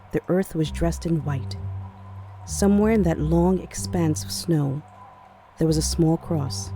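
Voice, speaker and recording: A woman's voice: deep voice, mellow. A woman narrating a short story in an earnest, solemn reading.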